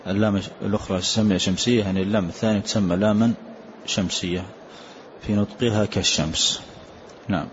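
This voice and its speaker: Older man teaching, low voice, lo-fi. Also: fast talker. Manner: calm, repetitive, answers with short "na'am". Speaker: sheikh teaching Quran recitation rules. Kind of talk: explaining a recitation poem line by line. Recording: dull lo-fi lecture recording with faint hiss.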